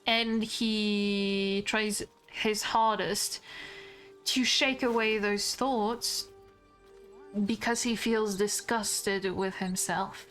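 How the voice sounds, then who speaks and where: A woman's voice: medium pitch, fairly even intonation, drawn-out words, fairly bright tone, faint music behind. A woman giving casual commentary as she streams a game, chatty and swearing freely as she explains her character's thoughts.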